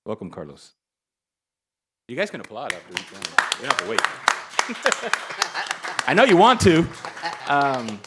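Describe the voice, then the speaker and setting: Mid-pitched man hosting a conference panel, upbeat and playful in his intros. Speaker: panel moderator. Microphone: shared handheld mic.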